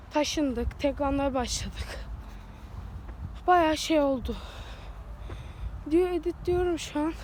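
A high-voiced young woman vlogs outdoors on a phone held at arm's length, her voice thick and stuffy from a cold. She rambles in a chatty, self-mocking way. Faint street sound sits behind her. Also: darkish tone, slight background noise. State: congested and sore-throated from a cold. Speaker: vlogger. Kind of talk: casual walking vlog.

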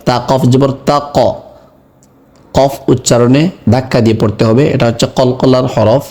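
A man teaching Quran reading in a slow lesson, spelling each word letter by letter and then chanting it. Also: mid-range voice, fairly even intonation, warm tone. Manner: spells words letter by letter, then recites them in a drawn-out chant. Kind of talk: slow step-by-step recitation lesson.

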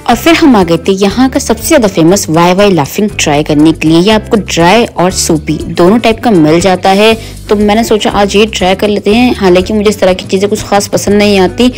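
A young woman talks through her outing in a relaxed, chatty voice-over. She describes the places and food in an easy, conversational way, as a vlogger speaking to her viewers. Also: medium pitch. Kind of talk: travel and food vlog voice-over.

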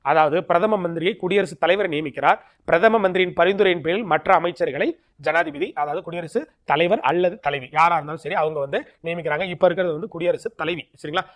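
A man teaching a recorded exam-prep lesson over slides. He often checks in with "okay?" and reads English terms out slowly. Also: sits high. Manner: tags lines with a checking "okay?", mixes English terms into his explanations.

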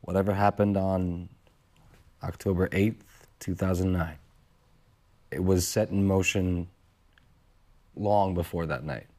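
Deep-voiced, cryptic solemn man. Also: fairly even intonation, slow, pauses often, warm tone. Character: solemn male believer in the supernatural. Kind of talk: mock documentary interview in horror film.

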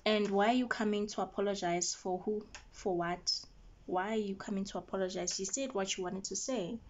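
A young adult woman vlogging at home while doing her makeup, retelling a story with quoted dialogue in an animated, indignant way. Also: medium pitch, normal speed, highs cut off. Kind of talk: get-ready-with-me storytelling.

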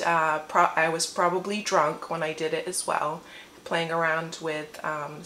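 Speaking to camera from her living room, a woman gives a casual, long-winded personal testimony in her morning voice. Her pitch is fairly low and a bit bright. The audio has a roomy echo with faint ambience and a little hiss or hum.

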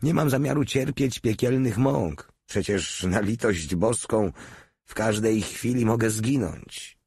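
A man's voice: fairly low pitch, measured pace, darkish tone, husky, no room sound, studio quality, pitched above the performer's own voice. A man voicing a brash, cynical soldier with a blunt, mocking manner, read as an audiobook character.

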